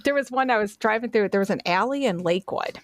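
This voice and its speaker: A woman's voice: mid-range voice, quick pace. A woman guest on a podcast, talking bluntly in a casual chat and acting out voices as she tells stories. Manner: blunt, animated, acts out voices in her stories.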